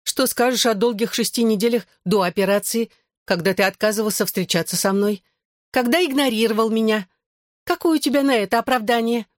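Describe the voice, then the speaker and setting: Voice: medium pitch, a little fast, dry recording, clean studio sound, pitched above the performer's own voice, lightly acted. An audiobook reader voicing a jealous, reproachful young woman who hisses her complaints at her ex. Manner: reproachful, hissing. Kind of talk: audiobook character voice.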